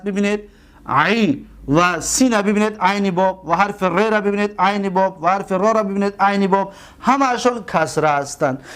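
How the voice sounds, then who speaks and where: A man gives a religious classroom lecture. He drags out each example word and says it again slowly. He puts questions to the class and answers them himself. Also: high-pitched, clean tone. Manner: stretches out and repeats example words slowly. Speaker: religious teacher.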